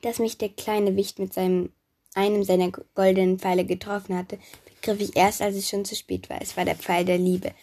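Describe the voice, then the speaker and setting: A woman narrating a children's myth in first person, lively and chatty, speaking directly to the listener. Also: mid-range voice, normal speed. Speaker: storyteller.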